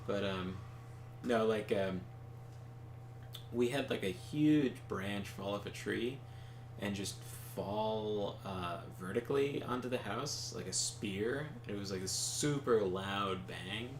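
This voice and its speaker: Chatting casually over a game as a stream co-host, a man tells rambling anecdotes full of fillers and chuckles. His voice sits on the low side and moves at a slow pace, with a roomy echo and faint background noise.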